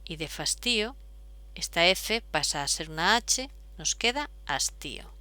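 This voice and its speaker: A woman's voice: on the low side, lively intonation, a little slow, bright, forceful tone, dry recording. A woman, explaining step by step as a teacher, patient, with frequent fillers. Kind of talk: explaining at a whiteboard.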